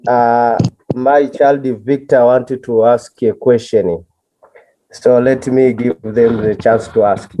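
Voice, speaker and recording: A man from Tanzania, joining an online forum as a parent and speaking slowly and politely. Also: medium pitch, fairly even intonation, dark tone, low-quality recording. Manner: slow, polite, hands over to his child. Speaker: parent participant. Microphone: video call.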